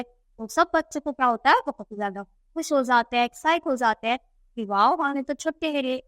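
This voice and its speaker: A woman teacher, reading a story aloud slowly and explaining it to children. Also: high voice, a bit bright, dry recording. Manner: reads English text very slowly, then explains in quick Hindi.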